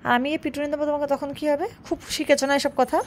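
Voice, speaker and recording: A woman's voice: high-pitched, fairly even intonation, very fast. A mother scolding and coaxing her small child to go to sleep at home at night. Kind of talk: casual scolding at bedtime. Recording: home recording with background noise.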